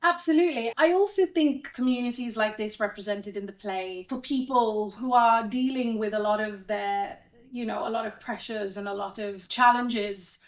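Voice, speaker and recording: A woman's voice: fairly high pitch, moderate pace, few pauses. A woman hosting an interview, asking questions and affirming her guest often. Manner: warm, affirming with frequent "yeah". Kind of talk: conversational interview.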